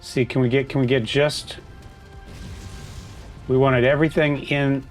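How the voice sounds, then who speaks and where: A man's voice: medium pitch, little pitch movement, unhurried, faint music behind. A man casually commenting on his own gameplay, chatting to himself as he plays. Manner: chatty, talks to himself while playing. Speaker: gaming streamer.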